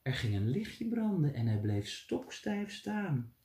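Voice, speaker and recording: Teacher guy reading a kids' story, slow and very animated, echoey room. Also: fairly high pitch. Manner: lively, playful reading with filler pauses. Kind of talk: storybook read-aloud for children.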